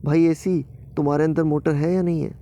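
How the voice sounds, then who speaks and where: A man voicing a wise, kindly light bulb who gently reasons with others in a bedtime story. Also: fairly high pitch, fairly even intonation, fairly quick, voice pushed up, lightly acted. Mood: reasoning.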